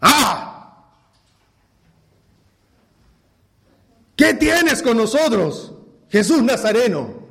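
A preacher voicing a demon crying out through a possessed man, firing loud, accusing questions. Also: extremely high pitch, expressive, a little fast, pitched above the performer's own voice. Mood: shouting, hostile. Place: church hall. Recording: roomy church echo.

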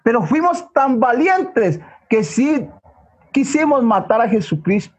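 A man's voice: very high-pitched, big pitch swings, a little slow, husky. A male preacher telling a story in an earnest sermon, often turning to address the brethren, in a church. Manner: earnest, repeatedly addresses the brethren, dramatic drops in volume. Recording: dull lo-fi recording.

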